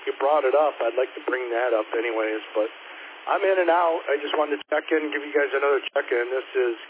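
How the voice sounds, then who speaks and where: Radio caller: man over a two-way radio, mid-pitched, rambling and unhurried, thin hissy sound. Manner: rambling, loses his thread. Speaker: caller checking in to a radio net. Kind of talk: casual radio check-in. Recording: tinny radio transmission with hiss.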